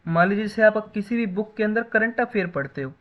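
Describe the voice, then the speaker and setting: A man's voice: sits high, animated, fairly quick, dull audio. A man teaching a basic computer class in a lecture style, explaining with everyday examples and often checking back with "है ना".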